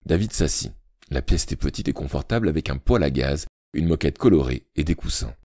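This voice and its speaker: A man reading an audiobook aloud with expressive, dramatic storytelling narration. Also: extremely low pitch, a little fast, no echo, studio quality.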